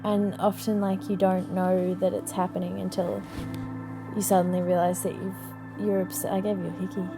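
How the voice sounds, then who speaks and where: A woman's voice: lowish voice, little pitch movement, moderate pace. A young woman casually recounting a personal story to her partner, hesitant, with lots of fillers and restarts. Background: soft background music.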